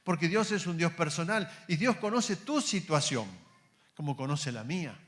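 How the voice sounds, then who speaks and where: Argentine preacher with a higher voice. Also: male voice, expressive. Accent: Argentine Spanish. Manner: addresses listeners as brothers, asks many rhetorical questions; drops to a soft, slow voice when quoting God. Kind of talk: sermon.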